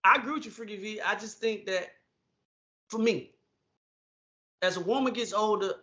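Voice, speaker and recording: A man with a strikingly high voice gives his views in a measured, agreeable way, pausing to search for words. The sound is dull and lo-fi. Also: pushed and bright. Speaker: podcast co-host. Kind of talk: casual podcast discussion. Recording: lo-fi muffled audio.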